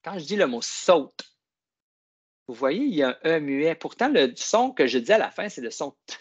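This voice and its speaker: A middle-aged man, giving a classroom reading demonstration in a coaxing, slow teacher voice that stretches key words. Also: on the high side, big pitch swings, breathy edge, highs cut off. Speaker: teacher trainer.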